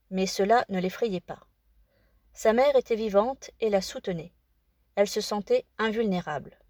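A woman narrating an audiobook in a measured, calm storytelling manner. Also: on the high side, no room sound, studio quality.

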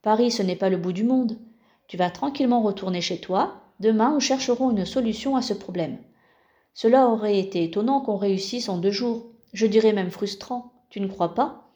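A woman's voice: medium pitch, moderate pace, warm tone, muffled recording, close to an everyday voice. A woman reading the lines of a cheerful, teasing schoolboy in a storybook. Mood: friendly. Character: teenage boy, cheerful and teasing friend.

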